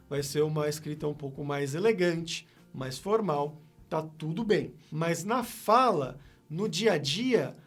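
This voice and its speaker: Slow, clear-speaking male teacher. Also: on the high side. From Brazil. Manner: slow, clear explanations with spelled-out examples. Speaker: Portuguese teacher and channel host. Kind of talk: casual video lesson for learners.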